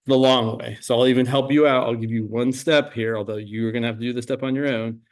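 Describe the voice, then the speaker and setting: A male instructor with a mid-pitched voice runs a classroom review in the manner of an exam proctor. He gives direct, informal instructions and coaches students through each step of the work. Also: fairly even intonation, fast talker. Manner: exam proctor calling out time limits and instructions. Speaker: calculus instructor running a timed exam review. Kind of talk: classroom maths lesson, explaining worked problems step by step.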